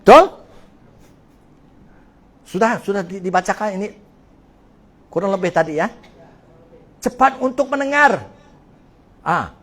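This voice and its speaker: High-voiced preaching pastor. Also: male voice, normal speed, long pauses. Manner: lively, mixes English phrases, laughs often. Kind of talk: sermon.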